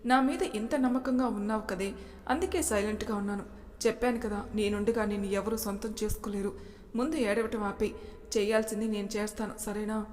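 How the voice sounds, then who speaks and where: A woman's voice: medium pitch, steady tone, a little fast, natural voice. A woman voicing an angry, mocking young man who later turns tender, recorded with a long reverb. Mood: tender, teasing. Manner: sharp, mocking, then tender.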